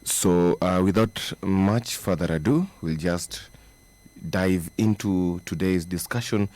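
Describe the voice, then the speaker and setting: A Kenyan man hosting a radio program in a studio, giving formal, measured introductions. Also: sits low, darkish tone, no room sound. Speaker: radio presenter.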